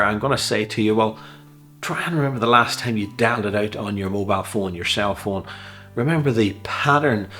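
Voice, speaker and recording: A man's voice: lowish voice, fairly bright tone. A man presenting a hypnosis tutorial conversationally, with examples and rhetorical questions. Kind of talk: explanatory tutorial to viewer. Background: guitar music.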